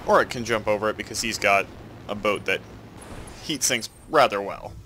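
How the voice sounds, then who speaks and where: With a lowish voice at normal speed, the host sounds pushed and bright over slight background noise. He's a Canadian let's play creator, nasal from a head cold, casually chatting and explaining his moves as he plays.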